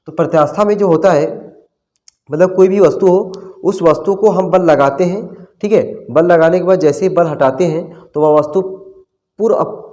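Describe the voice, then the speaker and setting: A man's voice: fairly high pitch, darkish tone. A man teaching a physics lesson in a casual classroom manner, asking questions and answering them himself, repeating the key terms, and calling his students brother. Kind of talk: classroom lecture.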